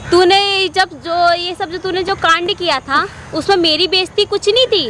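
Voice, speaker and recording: A woman playing a harsh young stepdaughter in a homemade street skit, her voice very high and sharp. She speaks with contempt and barks commands. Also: fairly even intonation, normal speed, slight background noise. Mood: scornful. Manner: scornful, commanding, shouting orders. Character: angry young adult stepdaughter, harsh and defiant. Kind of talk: amateur street skit acting.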